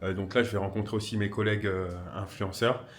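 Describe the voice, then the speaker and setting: A man's voice: on the low side, steady tone, quick pace. Chatty man vlogging to camera. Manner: chatty, enthusiastic, many fillers. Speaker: vlogger, influencer. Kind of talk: casual travel vlog, talking to camera. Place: hotel room and city streets. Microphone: handheld camera. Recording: noisy outdoor street ambience.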